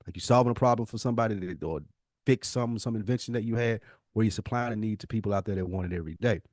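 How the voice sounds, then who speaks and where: An American podcast co-host talks casually, giving long, emphatic, opinionated explanations in a conversational discussion. His voice is on the low side and darkish, and he speaks quickly. The recording is dry, with clean studio sound.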